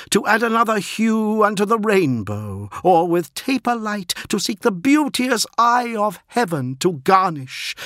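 A man's voice: sits high, a bit bright, dry recording, clean studio sound, voice pushed up, exaggerated voice. A man voicing a grandiose decadent demigod lord. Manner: theatrical, declaiming like a heroic stage actor. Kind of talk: audiobook character voice.

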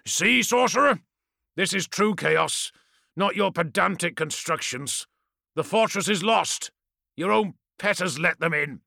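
A man's voice: high voice, animated, measured pace, gravelly, pushed and bright, dry recording, clean studio sound, pitched above the performer's own voice, heavily acted. A man doing a harsh commanding warlord. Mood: scornful command. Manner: commanding, scornful. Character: despairing warlord lord, male, harsh and commanding.

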